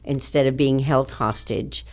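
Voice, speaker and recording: A woman's voice: a bass voice, steady tone, unhurried, creaky. A woman, older, as a podcast interview guest, explaining things in a confident, explanatory way.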